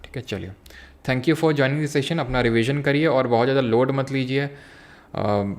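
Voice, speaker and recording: A man's voice: medium pitch, measured pace. A young man teaching a live online exam-prep class, mixing Hindi with English terms and answering viewers' chat questions.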